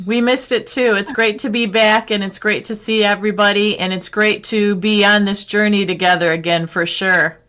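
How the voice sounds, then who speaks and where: Bright-voiced female co-host. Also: mid-range voice, fairly even intonation, moderate pace, few pauses. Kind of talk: talk show chat.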